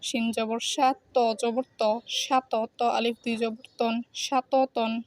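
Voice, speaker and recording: A woman teaching Arabic reading, spelling out each letter with its vowel and then joining the syllables in a slow drill. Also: fairly high pitch, flat delivery, no echo.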